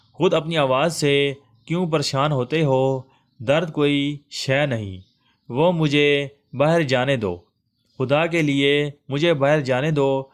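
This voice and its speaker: A raving male asylum director, unhinged and pleading, his voice sitting a little high. A man plays him out in a storybook reading, in his own narrating voice. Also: close to an everyday voice.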